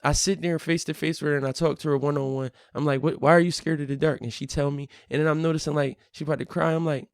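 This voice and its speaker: A young man talking earnestly as a podcast guest, with a voice a touch higher than most men's. He tells his stories with feeling and acts out his own quoted words. The sound is dry and close, with no room echo. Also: fast talker, hardly any pauses, clean tone. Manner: earnest, animated storytelling with acted quotes. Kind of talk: casual conversation.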